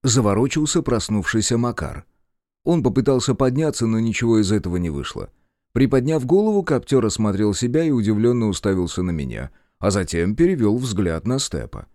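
A man narrating a first-person audiobook in an expressive, dry sardonic tone. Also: lowish voice, fairly quick, no echo.

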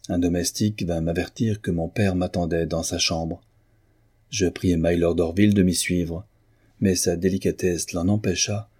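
A man reading a classic novel aloud in a measured, expressive narration. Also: low-pitched, slightly rough. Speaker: audiobook reader. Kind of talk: scripted narration.

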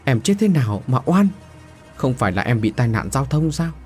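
An earnest young man in a spoken ghost story, asking anxious questions with a lively lilt, as the narrator voices him. The tone is dark and a little husky. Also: mid-range voice, normal speed, soft background music. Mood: earnest worried. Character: young man, anxious boyfriend of the dead girl.

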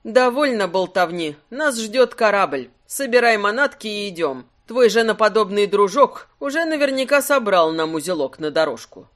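A man voicing an easygoing, wry male rogue adventurer in an audiobook, speaking low and unhurried. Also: animated, fairly bright tone.

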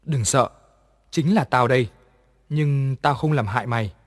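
A man voicing a gentle young girl's ghost. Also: medium pitch, measured pace, close to an everyday voice. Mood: calm. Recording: long reverb.

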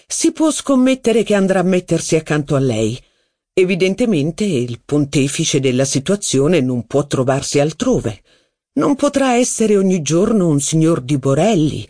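A man's voice: on the high side, warm tone. A reader voicing a foreign nobleman who gossips with wry irony.

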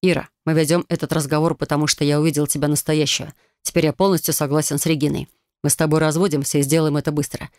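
A woman's voice: low-pitched, little pitch movement, quick pace, a little mellow, no room sound, clean studio sound, natural voice. A woman reading an audiobook, voicing a cold, contemptuous husband who talks bluntly and scornfully. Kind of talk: audiobook character voice.

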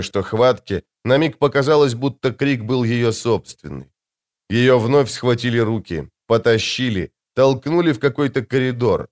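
A male narrator reads a dramatic audiobook in an expressive voice. His pitch is mid and swings a lot from line to line. He keeps the telling tense and measured.

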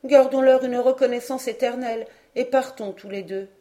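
A woman doing a high, imploring girl. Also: normal speed, dark tone, lightly acted. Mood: determined. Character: distraught teenage girl, brave and tearful.

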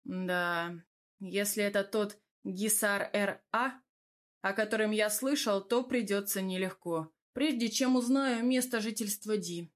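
Woman reading as a gruff young man, curt, irritable, plain reading voice, audiobook. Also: mid-range voice, unhurried, natural voice. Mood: weary.

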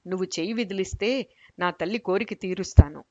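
A woman's voice: mid-range voice, brisk, warm tone, no room sound, close to an everyday voice. A woman reading the lines of a pompous, greedy old male holy man. She gives him a grave, commanding manner. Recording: dull lo-fi recording.

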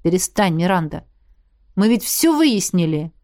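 Storybook role: brooding, possessive shapeshifter lad, slow, blunt, gruff, read by a woman. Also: on the low side, sing-song, a little mellow. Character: jealous, possessive young male shapeshifter student.

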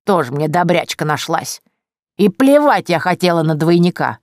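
A woman's voice: lowish voice, big pitch swings, moderate pace, darkish tone, dry recording, studio quality. A woman voicing a spiteful, quarrelsome old witch who snaps and shrieks. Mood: sneering. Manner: snappish, shrieking.

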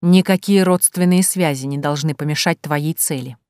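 A woman's voice: sits low, normal speed, a little mellow, no room sound, studio quality, lightly acted. A woman voicing a ruthless older male clan father who speaks with fervent command.

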